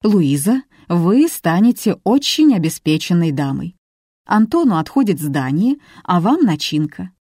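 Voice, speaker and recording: A woman reading as a calm lawyer. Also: fairly low pitch, unhurried, husky, dry recording, clean studio sound, full character voice. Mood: reassuring. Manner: reassuring, businesslike. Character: calm middle-aged male lawyer reading a will.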